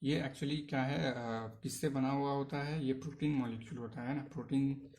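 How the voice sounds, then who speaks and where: A man's voice: medium pitch, flat delivery, moderate pace, a little mellow. Man teaching chemistry, asks and answers himself. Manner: asks questions then answers them, frequent "है ना" tags; mixes English terms into Hindi. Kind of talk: online chemistry lecture.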